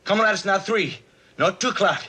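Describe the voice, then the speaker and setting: A man's voice: high-pitched, quick pace, bright, forceful tone, slightly rough, heavily acted. An actor playing a young man, a traumatized airman reliving a crash in a 1960s film, frantic, pleading and sobbing. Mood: excited. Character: panicked young male bomber airman in a flashback.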